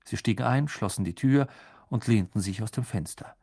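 A man's voice: on the low side, moderate pace, vocal fry, husky. A man reading a story aloud as narrator, voicing many characters. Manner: expressive, voices many characters. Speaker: audiobook narrator.

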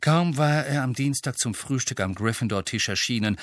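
A man narrating an audiobook in an expressive, measured storytelling manner. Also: medium pitch. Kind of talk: scripted narration.

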